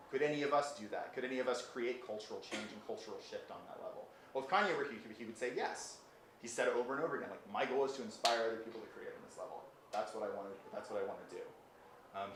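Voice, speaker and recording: A man giving a casual live conference talk, rambling with lots of fillers and animated retellings. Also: mid-range voice. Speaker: conference speaker. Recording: very echoey hall with faint noise.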